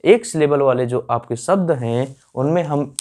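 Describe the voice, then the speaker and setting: Indian-accented man, grammar teacher, medium pitch, repeats himself, rhetorical questions, slow stretched-out examples. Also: a little mellow. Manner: keeps checking with listeners, repeats key words with rhetorical questions; explains slowly, stretching English example words. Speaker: English teacher. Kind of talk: classroom grammar lesson.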